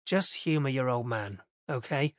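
A man's voice: mid-range voice, expressive, unhurried, no room sound, clean studio sound, natural voice. A man reading an audiobook, voicing a patient, tired middle-aged father who talks in a mild, coaxing way. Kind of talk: audiobook character voice.

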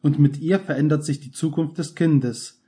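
A man narrating a short story in a calm, measured reading. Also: on the high side. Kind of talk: scripted audiobook narration.

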